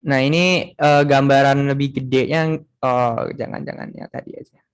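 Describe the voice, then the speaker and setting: A man's voice: mid-range voice, fairly even intonation, normal speed, smooth. A young man tutoring a class online in a casual way, thinking aloud with many fillers and restarts.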